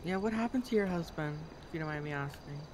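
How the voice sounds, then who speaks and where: A woman's voice: sits low, expressive, fast, a little mellow, a little hiss or hum. A woman playing a breezy young fashion graduate who answers casually and defends herself in an improvised comedy scene.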